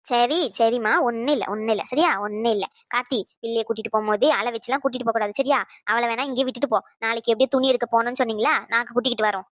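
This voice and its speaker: A caring middle-aged mother from a cartoon, voiced by a woman, reassuring and a little bossy. She talks fast in a fairly high voice, and the close, dry recording adds no room sound. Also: fairly even intonation, no room sound, close to an everyday voice. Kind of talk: cartoon voice acting.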